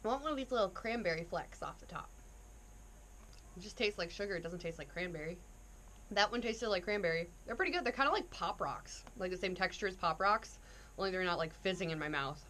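A woman's voice: on the low side, lively intonation, brisk, fairly bright tone, a little hiss or hum. A woman in her twenties chatting casually to the camera as she reviews food and drink. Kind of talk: casual taste-test chat to camera. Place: indoor room, seated.

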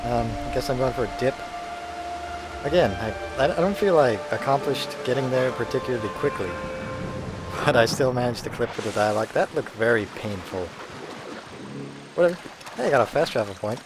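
A man's voice: medium pitch, expressive, fairly quick, pauses often, over loud music, rough recording. A man giving casual video game playthrough commentary, with wry, grumbling, rambling asides. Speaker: gameplay commentator. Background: game ambience.

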